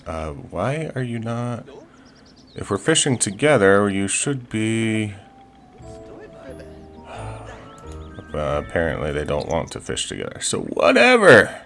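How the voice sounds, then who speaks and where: A gaming video host with a low voice chats cheerfully over his life-simulation gameplay, slipping into playful pirate talk. He uses lots of fillers and keeps restarting his sentences. There's slight background noise.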